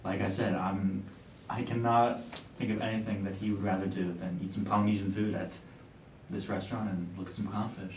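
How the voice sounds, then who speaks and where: Young man, deep voice, client in a role-play conversation, deliberate and emphatic, distant echoey recording. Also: little pitch movement. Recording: echoey room, distant mic, faint rumbling noise.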